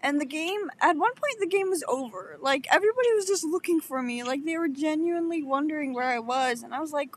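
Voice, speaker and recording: Young woman rambling through a childhood story, high voice, faint hiss behind. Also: lively intonation, fairly quick, few pauses, low-quality recording. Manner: rambling, self-correcting storyteller. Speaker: podcast co-host. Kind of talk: casual chat.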